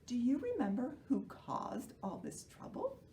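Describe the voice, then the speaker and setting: A woman with a high voice and a dark tone leads a children's library storytime, reading expressively with big pitch swings at a measured pace and asking her young listeners questions. The recording has a roomy echo and a little hiss or hum, with the mic far from her.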